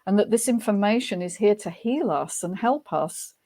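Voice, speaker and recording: A woman talks as a guest in a relaxed interview, mid-pitched and unhurried. She pauses often and restarts her sentences as she gathers her thoughts. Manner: thoughtful, hesitant, many restarts. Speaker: guest author. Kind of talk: casual interview chat.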